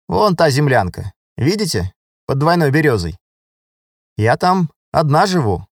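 A man raises his voice to play a woman army sergeant of about forty in an audiobook, brash and inviting. She teases with a lifted, higher tone. The recording is dry and close. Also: very animated, measured pace, no room sound, exaggerated voice. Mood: flirty. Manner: bold, teasing, inviting.

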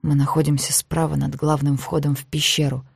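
Narrator voicing a hushed, terse hunter. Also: male voice, fairly high pitch, fairly even intonation, brisk, gravelly, husky, dry recording, studio quality. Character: tense young hunter leading a rescue.

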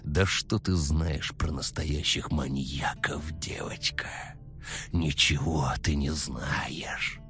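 A man reading a story aloud, voicing a cocky young man who poses as a creepy maniac and talks in quiet, menacing, whispery tones with sinister chuckles. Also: rumbling low, steady tone, slow, faint music behind, pitched below the performer's own voice, exaggerated voice.

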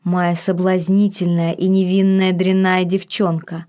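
A woman voicing a husky, seductive male lover. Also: flat delivery, natural voice. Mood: commanding. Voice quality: low, husky voice. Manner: slow, hushed, drawn-out speech.

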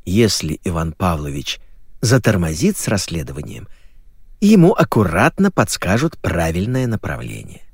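A man narrating an audiobook in a lively, ironic storytelling manner on a close studio mic. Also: low-pitched, normal speed, husky, no room sound. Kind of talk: scripted narration.

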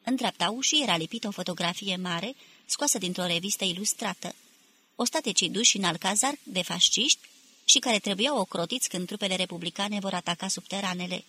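Husky-voiced woman narrating an audiobook. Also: mid-range voice, pushed and bright. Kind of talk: scripted literary narration.

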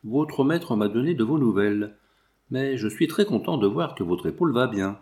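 A man's voice: medium pitch, lively intonation, normal speed, darkish tone, natural voice. A man voicing a talkative, jovial young male hospital intern in a French audiobook. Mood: genial.

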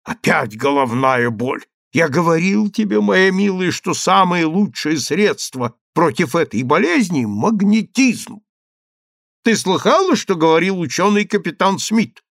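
A man's voice: sits high, animated, a little slow, gravelly, dry recording, clean studio sound, pitched above the performer's own voice, exaggerated voice. A man doing a domineering, threatening husband. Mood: coaxing. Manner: coaxing, then loud and threatening. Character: domineering, angry middle-aged consul husband.

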